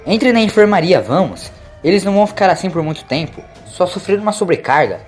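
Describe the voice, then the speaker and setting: A time-travelling doctor acted by a man narrating, urgent yet compassionate. He is dramatic and commanding, swinging widely in pitch in an audio drama, with music behind him. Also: very animated, fast.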